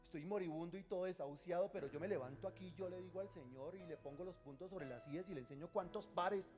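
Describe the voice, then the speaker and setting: A sick old man on his deathbed, grumbling defiance under his breath, played by a man. The voice is low and muttered, and fills a scene in a sermon. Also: fast, over music, close to an everyday voice. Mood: defiant.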